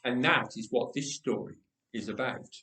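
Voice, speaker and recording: Inside a church, a man with a mid-range voice reads a Bible tale aloud in a dramatic storytelling style. His phrasing is deliberate and expressive with emphatic repetition, and the roomy church acoustic echoes around him.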